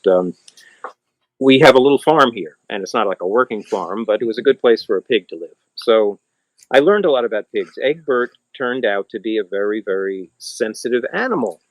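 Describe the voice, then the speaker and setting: A man, a musician being interviewed outdoors on his small farm, telling stories and acting out other people's voices in high squeals. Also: dry recording, poor audio. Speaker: musician guest. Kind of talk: casual storytelling interview.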